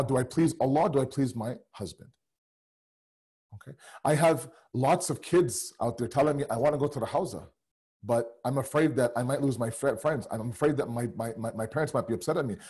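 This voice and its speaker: Earnest man preaching, dark husky voice. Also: medium pitch. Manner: earnest, rhetorical questions, acts out doubting voices. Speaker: religious lecturer. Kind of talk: sermon to online audience.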